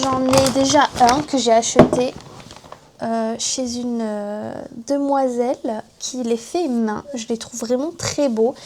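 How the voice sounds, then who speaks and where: A woman's voice: on the high side, background noise. A young woman, a mother, chatting casually in a home vlog, showing her purchases and searching for words, dropping in English terms. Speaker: family vlogger.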